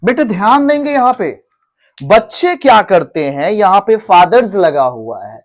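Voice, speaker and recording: An Indian-accented man teaches English in a high voice with big pitch swings, taking an unhurried pace. He mixes in Hindi, asks questions, and leads the class in repeating after him.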